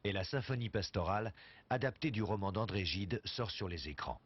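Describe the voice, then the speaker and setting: Deep-voiced documentary narrator, lively intonation. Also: male voice, normal speed, breathy edge. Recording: dull soundtrack with faint music.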